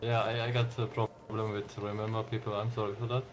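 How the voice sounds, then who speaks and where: A man comes through an online game's voice chat, halting and stammering over his words. He sounds a little distant, with a faint hiss underneath. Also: on the low side, flat delivery. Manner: hesitant, stammering. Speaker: another player in voice chat.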